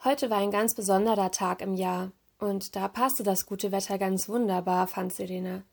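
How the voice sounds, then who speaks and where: Woman, mid pitch, a bit of fry, a calm library storytime reader. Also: normal speed. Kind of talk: children's story reading.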